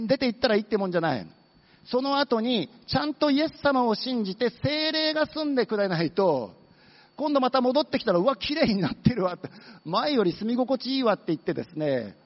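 Guy preaching in a church hall, high voice, muffled sound with long echo, tells it like a story. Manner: storytelling, acting out demons with quick asides. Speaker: pastor. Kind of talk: sermon.

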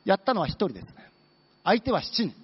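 High-voiced man preaching in a reverberant hall. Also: very animated, breathy edge. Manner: storytelling, acting out demons with quick asides. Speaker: pastor. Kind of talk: sermon. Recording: dull long-reverb hall sound.

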